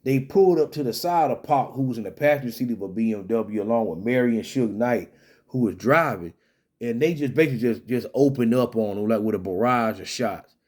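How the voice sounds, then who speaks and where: Male commentator, mid-pitched voice, loose rambling delivery with frequent restarts. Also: expressive, fairly quick, a little mellow. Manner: rambling, many restarts and fillers. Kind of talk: casual solo commentary.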